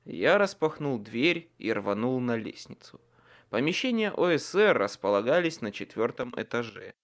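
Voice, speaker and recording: Man, audiobook narrator, animated rising and falling voice, dramatic reading. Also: mid-range voice, normal speed. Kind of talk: first-person audiobook narration.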